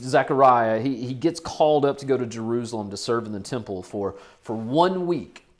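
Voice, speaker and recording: Forties male pastor, middle-pitched voice, relaxed and conversational from the pulpit. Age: 40s. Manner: conversational, repeats phrases for emphasis. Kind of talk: sermon. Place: church.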